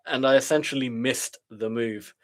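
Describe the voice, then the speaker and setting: A man talks viewers through his trades live as he streams. He sounds frustrated and mocks himself, sighing and thinking aloud in a mid-pitched, conversational voice. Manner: frustrated, self-deprecating musing with sighs. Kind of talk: live trading commentary to viewers.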